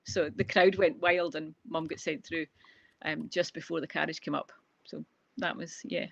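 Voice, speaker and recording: A woman's voice: sits low, fairly even intonation, moderate pace, vocal fry, no room sound, muffled recording. A woman with a Scottish accent, a guest photographer, telling family stories in a chatty way with frequent ums and restarts. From Scotland. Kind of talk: casual conversational interview. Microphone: video call.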